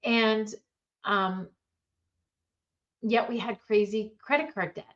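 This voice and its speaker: A middle-aged woman mentor giving a motivational talk, telling personal stories in an earnest, animated way with bursts of laughter. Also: mid-range voice, takes it slowly, dull audio. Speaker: mentor and coach.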